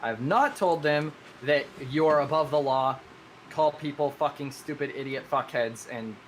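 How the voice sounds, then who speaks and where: A man's voice: fairly high pitch, moderate pace, slight background noise. A man who runs a game server, explaining his rules earnestly in a live-streamed discussion, rambling and often restarting his sentences. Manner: earnest, rambling, self-correcting with many restarts.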